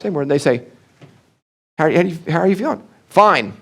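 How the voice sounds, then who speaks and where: A middle-aged man, a senior pastor giving an animated, conversational church talk that often slips into acted-out quoted voices. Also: a little high, fast talker, vocal fry. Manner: animated, acts out quoted voices, many restarts and fillers.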